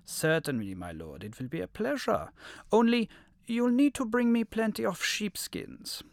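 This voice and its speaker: A man's voice: high voice, big pitch swings, measured pace, gravelly, no room sound, clean studio sound, pitched above the performer's own voice, heavily acted. A man voicing a sly, greedy male wolf who tricks a lion in a storybook tale. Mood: wheedling.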